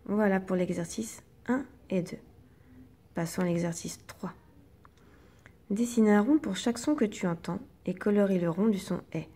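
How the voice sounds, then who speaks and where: A woman teacher, slowly and patiently guiding young children through reading exercises and sounding out each syllable. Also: medium pitch, mellow, slightly rough.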